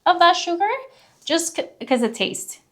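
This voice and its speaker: A woman's voice: very high-pitched, lively intonation, moderate pace, fairly bright tone. A woman co-hosting a casual podcast, explaining ingredients at length with frequent fillers and restarts. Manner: explanatory, hedging with many fillers. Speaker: co-host. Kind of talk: casual product review chat.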